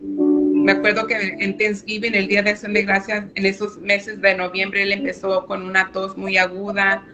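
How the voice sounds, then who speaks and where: A woman's voice: medium pitch, monotone, normal speed, music in the background. A woman giving a personal faith testimony as a radio guest, hesitant and with frequent filler words. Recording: muffled radio recording with background noise.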